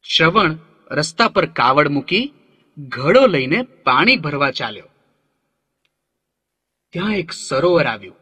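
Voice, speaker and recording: Man, children's storyteller, gentle, slow, bright husky voice, long reverb. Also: on the high side, sing-song. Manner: gentle, asks the children questions.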